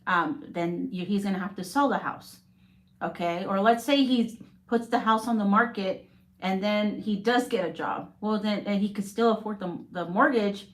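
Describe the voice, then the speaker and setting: A woman's voice: mid-range voice, moderate pace. Chatty woman agent who keeps saying "okay?". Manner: rambling, keeps adding "okay?". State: coughing. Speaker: real estate agent. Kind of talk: live-stream talk.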